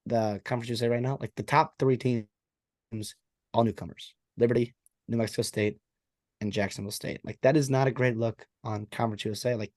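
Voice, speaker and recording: A man's voice: mid-range voice, fairly even intonation, brisk, a little mellow, no echo, clean studio sound. A man co-hosting a college football podcast, chatting casually and peppering his points with "like" and "right?". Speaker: podcast co-host. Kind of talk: casual sports chat.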